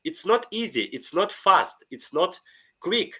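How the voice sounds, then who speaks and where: Speaking as a guest on a podcast interview, a middle-aged Russian-accented life coach restarts his sentences often while sounding earnest and enthusiastic. He has a high, husky voice with a sharp tone, very animated delivery and a slightly slow pace.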